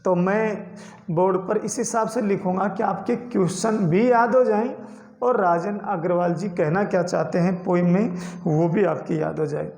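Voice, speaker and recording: A male teacher lecturing a class on a poem, slowly repeating key terms and mixing English words into his Hindi explanations. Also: high voice, gravelly, a little mellow, roomy sound. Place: classroom with a board.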